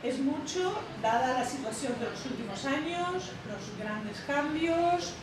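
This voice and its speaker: A woman publisher, not a native Catalan speaker, speaks slowly at a public interview in a bookshop event room, her high voice expressive but hesitant, with many fillers and restarts. A crowd murmurs behind her in an echoey, noisy hall picked up by a distant mic.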